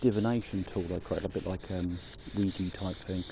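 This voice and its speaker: A man chatting casually to a vlog audience while walking around outdoors, musing in a halting way and trailing off mid-thought. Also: fairly even intonation, creaky. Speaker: paranormal investigator filming a vlog. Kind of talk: casual rambling vlog chat. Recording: noisy outdoor ambience, traffic rumble.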